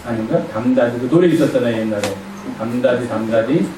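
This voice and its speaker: A man's voice: medium pitch, a little fast, recorded from a distance, background noise. A male pastor giving a conversational sermon, playfully quizzing his congregation. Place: church sanctuary. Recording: echoey church hall from afar.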